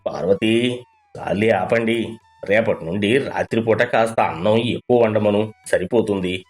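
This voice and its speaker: A man voicing a calm older father-in-law in an animated story, speaking firmly to settle a quarrel. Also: on the low side, measured pace, faint music behind, natural voice.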